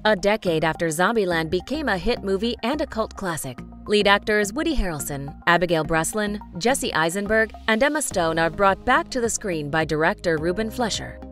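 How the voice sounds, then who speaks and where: Woman reading a steady scripted voice-over. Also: mid-range voice, moderate pace, few pauses, faint music behind. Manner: even, informative. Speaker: narrator. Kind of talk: scripted narration.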